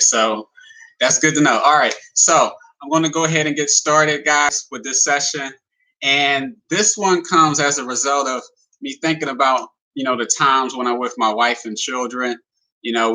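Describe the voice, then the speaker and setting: A man with a mid-range, sharp-toned voice hosts a casual livestream over a rough recording, pitching a business opportunity. He speaks plainly and simply, full of "you know" fillers, and keeps it friendly by calling his viewers "guys."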